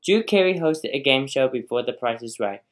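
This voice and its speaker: A woman's voice: rumbling low, lively intonation, moderate pace. A woman hosting a playful pretend game show, rambling and stumbling over the questions as she reads.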